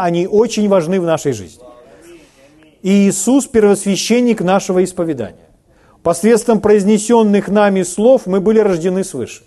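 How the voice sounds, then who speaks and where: Male preacher, high and mellow, who talks the sermon through and acts out the quotes. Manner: conversational preaching that acts out quoted everyday speech. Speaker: pastor.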